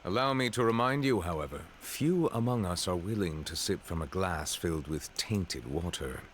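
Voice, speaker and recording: A deep, stately judge. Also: male voice, lively intonation, moderate pace, slight background noise. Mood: grave. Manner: stately, formal, carefully worded. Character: formal, reserved male chief judge.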